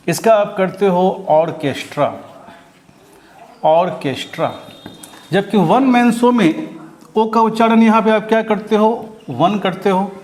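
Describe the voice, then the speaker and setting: A man's voice: high-pitched, a little mellow. A man from India teaching English grammar to students, explaining step by step, asking rhetorical questions and checking in often. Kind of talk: classroom grammar lesson.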